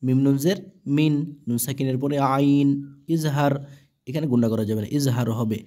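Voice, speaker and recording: A Bangladeshi Bengali-accented man with a mellow, medium-pitched voice teaches Quran reading at a normal pace. He spells out each syllable aloud and then stretches out the joined word, giving a slow, letter-by-letter recitation lesson.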